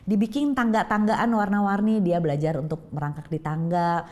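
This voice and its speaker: A middle-aged woman giving an emotional personal testimony as a talk show guest, telling her story with lively, acted-out storytelling. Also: lowish voice, moderate pace. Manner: lively storytelling, acting out quoted voices.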